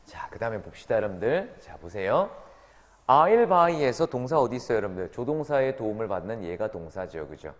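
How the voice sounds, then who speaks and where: A man's voice: fairly low pitch, sing-song, moderate pace. A man teaching an English grammar lesson to students, often checking in with short tag questions. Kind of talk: classroom grammar lecture. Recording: reverberant lecture room.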